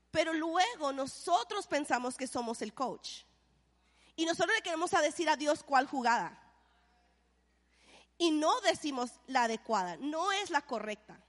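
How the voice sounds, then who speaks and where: A woman preaching a sermon, animated and playful, often asking the audience questions. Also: high voice. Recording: long hall reverb.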